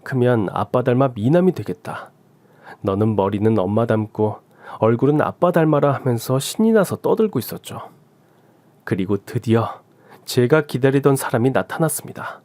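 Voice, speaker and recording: A man narrating a first-person story in a calm, scripted reading. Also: mid-range voice, normal speed, dry recording.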